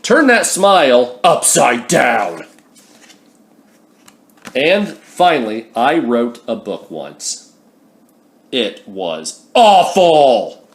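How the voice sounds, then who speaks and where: A man reading a humorous picture book aloud, slowly and deliberately, with wry little asides. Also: medium pitch, big pitch swings. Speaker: book reader.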